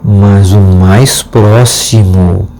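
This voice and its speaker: A man narrating a first-person supernatural story as the channel's storyteller, slow and dramatic. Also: on the low side, steady tone, mellow.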